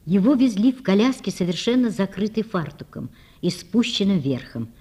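With a medium-pitched, slightly rough voice, a woman reads a classic novel as narrator, measured and expressive in her storytelling.

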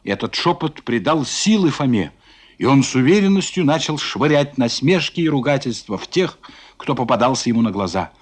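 Expressive man reading a novel aloud. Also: mid-range voice, normal speed. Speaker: audiobook reader. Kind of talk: scripted narration of a novel.

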